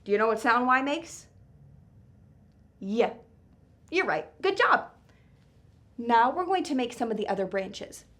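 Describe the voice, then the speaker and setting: A woman's voice: fairly high pitch, expressive, a bit bright. A woman hosting a children's craft show in a singsong, exaggerated way, explaining simply and encouragingly as she speaks to young viewers. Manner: singsong, exaggerated kids-show delivery with questions and pauses for the viewer. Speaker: host of a children's art show.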